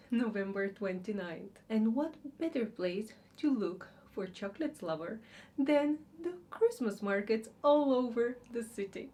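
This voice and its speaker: A cheerful woman hosting a vlog, interviewing passers-by at an outdoor Christmas market and laughing often. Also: darkish tone. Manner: cheerful, laughs often, rises high when greeting. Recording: clear city noise behind.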